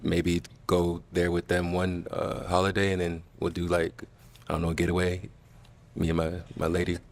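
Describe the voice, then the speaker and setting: Man, very low voice, flat and even, laid-back rambling chat, dating show. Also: normal speed. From grew up in the Valley, born in Illinois. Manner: laid-back, rambling, lots of "you know" and "um". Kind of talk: casual dating show conversation.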